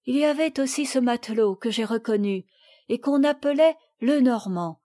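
A woman reading the part of a little girl who sadly recounts a shipwreck, in a gentle, measured voice. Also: a little high, close to an everyday voice. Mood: sad, earnest. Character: little girl recalling a shipwreck, sad and earnest. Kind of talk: audiobook reading.

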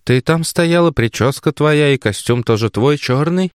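A frightened old mother from an audiobook, a man doing her high, hoarse and wheezing. She mumbles, shaken and unsure, and sounds a little distant. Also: normal speed, no room sound, clean studio sound, lightly acted. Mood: fearful. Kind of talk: audiobook character voice.

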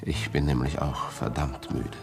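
Bill, a gravelly, distraught husband. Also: male voice, very deep voice, level tone, unhurried, over loud music, heavily acted. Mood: fearful, urgent. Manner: agitated, pleading, swings between harsh and tender. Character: distraught husband, drunk-seeming, dying and afraid. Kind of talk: 1950s German radio play acting.

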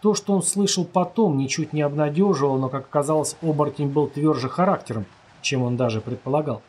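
A man narrates a story in a husky, slightly breathy voice. His reading is steady and measured, and he voices the characters' lines only lightly. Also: a little high. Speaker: audiobook narrator. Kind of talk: scripted narration.

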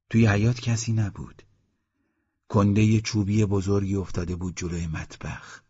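A man reading a literary story aloud in a calm, measured way, in a dull lo-fi audiobook recording. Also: fairly low pitch, breathy edge. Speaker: audiobook narrator. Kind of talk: scripted literary narration.

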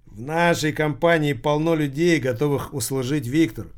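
A man's voice: a little high, moderate pace, clear, resonant tone, lightly acted. A man doing a mocking, sly businessman. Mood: teasing. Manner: teasing, mocking tone. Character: mocking male retail businessman, playful and sly.

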